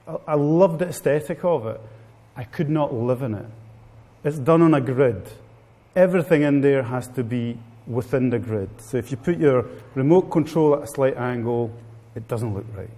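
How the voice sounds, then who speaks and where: An echoing seminar room holds a live audience as an Italian-accented guest speaker from Italy addresses them directly in a wry, informal manner. His voice is mid-range and dark, at normal speed, with long hall reverb on the recording.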